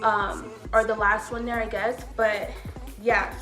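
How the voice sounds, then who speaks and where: A woman's voice: medium pitch, level tone, takes it slowly, a bit bright, echoey room, faint music behind. A young adult woman vlogging to camera in a loose, chatty way, slightly out of breath, often trailing off with filler phrases. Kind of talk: casual chat to camera.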